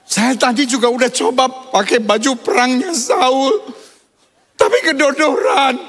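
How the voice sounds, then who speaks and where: A cheeky, fearless young David, put on by a preaching man, speaks with a playful lilt. The voice is pushed up very high and sounds bright and edgy. It has a gravelly catch. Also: full character voice. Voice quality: playful, teasing. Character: young shepherd boy David, cheeky and unafraid. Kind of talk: sermon storytelling.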